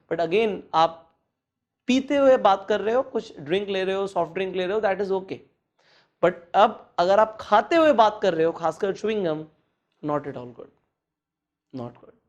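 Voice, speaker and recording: A man giving casual etiquette advice, slipping English phrases into his talk and counting off numbered points. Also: high voice. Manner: acts out bad habits in a mocking voice. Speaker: etiquette coach.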